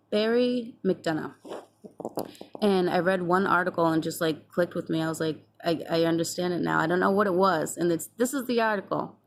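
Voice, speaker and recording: Woman, twenties, slightly low voice, casual vlog storytelling, chatty, acts out conversations, swears freely. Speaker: vlogger.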